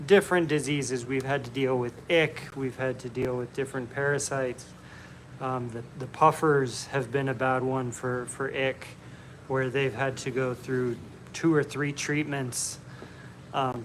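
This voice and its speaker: A man hosting a casual live stream Q&A from his home, relaxed and chatty with frequent ums. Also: medium pitch, a little hiss or hum.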